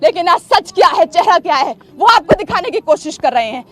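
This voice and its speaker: A woman's voice: extremely high pitch, lively intonation, fairly quick, a loud crowd. A woman field reporter questioning officials on the spot outdoors, insistent and confrontational, her voice breaking with emotion at times. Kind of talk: live on-the-spot news reporting. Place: outdoors at a police barricade.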